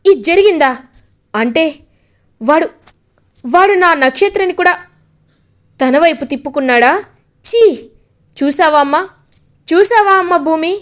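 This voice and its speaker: A woman reads the part of an enraged middle-aged father in a serial recap. He shouts in outrage and hurls threats, all in a high, light voice.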